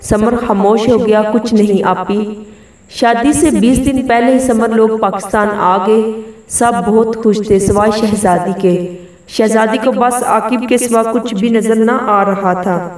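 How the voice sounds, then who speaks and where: Brief: female storyteller, mid pitch, very echoey room, set back from the mic. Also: fairly even intonation, darkish tone, distant mic. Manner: reads all characters' dialogue in her own voice. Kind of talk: scripted story narration.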